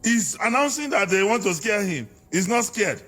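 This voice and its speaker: A man's voice: high voice, big pitch swings, moderate pace, pushed and bright. A Nigerian man arguing politics in a heated interview, fiery and preacher-like, hammering his points. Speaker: political guest.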